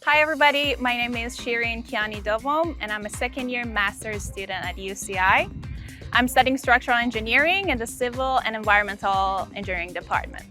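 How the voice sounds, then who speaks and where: A woman's voice: on the high side, a little fast, bright, forceful tone, faint music behind. A young woman from Iran, reading an earnest, upbeat introduction of herself as a master's student. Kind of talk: scripted self-introduction.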